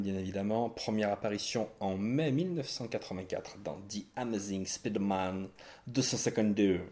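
A man's voice: on the low side, a little mellow. Laughing, joking man hosting a chat. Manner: joking, laughs often, swears casually. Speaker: podcast host. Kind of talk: casual panel chat.

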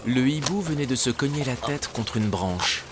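A man narrating a children's storybook in an expressive, lilting way. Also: medium pitch, moderate pace, background noise.

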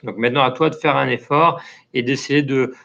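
A man's voice: medium pitch, fairly even intonation, brisk, vocal fry, a bit bright, highs cut off. A French man running a live online chat as community manager, reading out viewers' comments and answering them in a friendly, casual way, with many hesitations and a dry throat.

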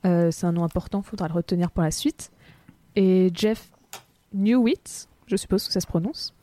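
Woman, podcast co-host, casual chat, lowish pitch, filler-heavy explaining. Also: steady tone, a little fast, warm tone. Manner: explains step by step with many fillers.

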